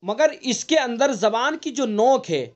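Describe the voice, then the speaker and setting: A man with a very high voice teaching an online Quran recitation class. He explains each point patiently, repeats it, and sounds out the letters to show how they should be said. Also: animated. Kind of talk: online tajweed lesson. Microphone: online class recording.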